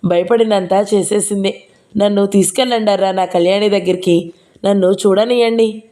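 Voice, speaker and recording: A woman's voice: steady tone, moderate pace, dark tone, natural voice. A woman voicing a frantic, grieving old grandmother who cannot leave her bed, pleading and wailing in a raised voice. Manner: wailing, pleading, higher than her narration.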